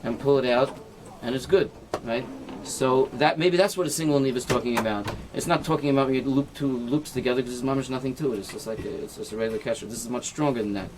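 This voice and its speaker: This rabbi talks fast and hardly pauses, his mid-range male voice carrying over background noise. Teaching a casual halacha class, he demonstrates knots with his hands step by step, mixes in Hebrew and Yiddish terms, and keeps checking with "right?"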